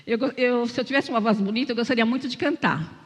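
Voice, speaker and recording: A woman's voice: a little high, fast, slightly rough. Older Brazilian woman preaching in a reverberant hall. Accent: Brazilian Portuguese. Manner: chatty, keeps asking "né?", self-deprecating humor. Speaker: lay speaker at church. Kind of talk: conversational sermon with personal testimony. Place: church sanctuary.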